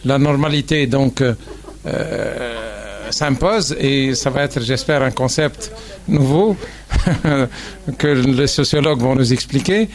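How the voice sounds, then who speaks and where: A man's voice: mid-range voice, slow, crowd noise. Hesitant Tunisian man in a panel debate. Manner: hesitant, many restarts and fillers, wry asides. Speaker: panel speaker. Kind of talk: public debate remarks.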